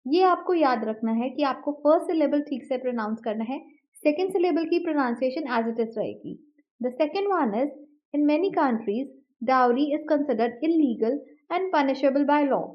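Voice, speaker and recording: Woman, high voice, slow careful lesson narration, repeats each word, dull lo-fi audio. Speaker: English pronunciation teacher. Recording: dull lo-fi recording.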